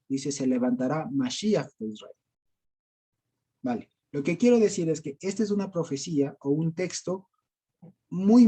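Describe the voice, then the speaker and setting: Husky Ecuadorian man teaching Bible study. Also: a little high, dark tone. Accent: Ecuadorian Spanish. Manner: conversational, quizzes listeners with rhetorical questions; laughs often, frequent verbal fillers.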